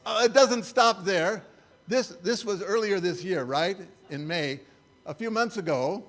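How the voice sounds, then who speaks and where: High-voiced older man giving a wry sermon. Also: measured pace, fairly bright tone. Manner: wry, incredulous, conversational. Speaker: church speaker. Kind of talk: sermon-style talk with slides.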